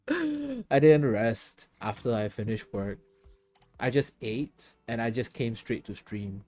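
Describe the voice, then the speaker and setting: A man's voice: mid-range voice, sing-song, slow, darkish tone. A tired man chatting casually while streaming a game, laughing often and answering his chat.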